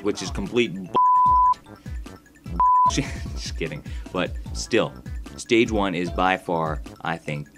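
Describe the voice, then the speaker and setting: A young man giving crude, sarcastic gameplay commentary in a laid-back storytelling manner. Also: lowish voice. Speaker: gaming commentator. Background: faint background music.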